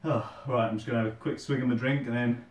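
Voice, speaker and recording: A British man hosting a fitness challenge video chats casually while doing push-ups, audibly exerting himself. His mid-range voice is steady and quick. The recording has a slight hiss or hum, with a distant microphone in a roomy, echoing space.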